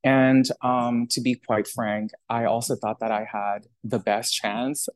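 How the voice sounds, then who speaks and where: A man's voice: medium pitch, level tone, a little slow, no room sound. A young man from Italy, a social worker, speaking as a podcast guest in a thoughtful way with many fillers and restarts. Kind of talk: casual interview talk.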